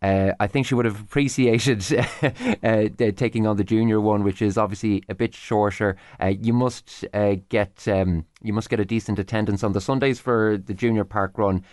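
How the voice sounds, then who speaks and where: A man's voice: lowish voice, fairly even intonation, moderate pace, few pauses, a little mellow, no echo, clean studio sound. A man with an Irish accent hosting an interview show, unscripted, with wordy, hesitant, meandering phrasing. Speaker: radio show host.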